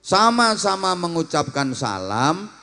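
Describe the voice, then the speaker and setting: A man's voice: fairly high pitch, measured pace, vocal fry. A man giving a humorous sermon, acting out different greetings and teasing his listeners. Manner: lively, acts out greetings in many voices, teasing the audience. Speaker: preacher. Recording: long hall reverb.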